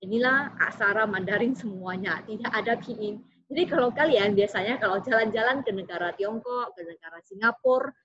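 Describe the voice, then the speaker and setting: A woman's voice: mid-range voice, fairly quick, few pauses, fairly bright tone, lo-fi sound, a little hiss or hum. A woman teaching a Mandarin lesson, patiently asking the class questions and answering them herself. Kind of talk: classroom lesson explaining Chinese characters.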